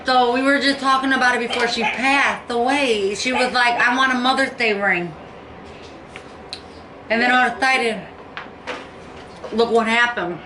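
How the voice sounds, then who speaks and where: A woman talking in a halting, tearful way and repeating herself, near tears, in a home vlog. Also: fairly high pitch. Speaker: vlogger. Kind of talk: emotional personal vlog. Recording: echoey room with faint noise.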